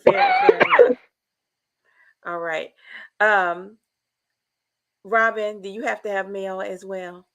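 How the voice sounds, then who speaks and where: A woman's voice: medium pitch, steady tone, slow, long pauses, sharp tone. A woman hosting a casual podcast chat who laughs easily and puts questions to her guests. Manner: chatty and laughing, asks the group questions. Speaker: podcast host.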